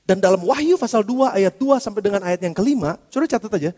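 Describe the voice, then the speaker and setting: High-voiced preacher in a reverberant church. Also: male voice, quick pace. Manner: animated, swinging between shouting and hushed asides. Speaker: pastor. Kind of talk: sermon.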